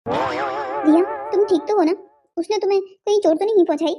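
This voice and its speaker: A woman voicing a brave, caring young wife in a cartoon family story, talking in a gentle, reassuring way. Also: very high voice, normal speed, music in the background.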